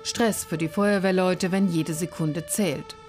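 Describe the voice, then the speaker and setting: A woman reading scripted documentary narration in an even, factual way. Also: fairly low pitch, a little slow, faint music behind.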